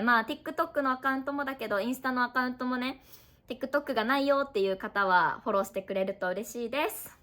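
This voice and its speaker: A young woman from Japan talks to her learners in a relaxed, chatty podcast style. Her voice sits a little high, and she explains things slowly and kindly, with plenty of examples. She is recording indoors at her family home. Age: 20s. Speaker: online Japanese teacher. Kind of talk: casual podcast talk to learners.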